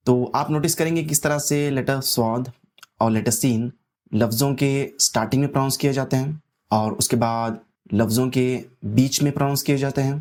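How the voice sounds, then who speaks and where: A man teaching a language lesson, explaining slowly and patiently and repeating his instructions. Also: medium pitch, fairly even intonation, darkish tone. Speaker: Arabic teacher.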